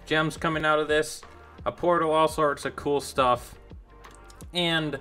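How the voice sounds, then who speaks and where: A young man with a somewhat high, bright voice chats through his gameplay in a loose, rambling way. He drifts into side tangents and sounds easily confused. Faint background music plays behind him. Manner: rambling, chatty, easily confused, self-deprecating asides. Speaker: gaming YouTuber. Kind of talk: casual gameplay commentary.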